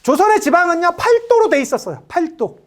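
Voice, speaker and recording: A woman teaching an exam-prep history class in a high voice. She fires rhetorical questions at her students, and her pitch swings widely as she acts out little quoted lines. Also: big pitch swings, brisk. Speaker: history lecturer.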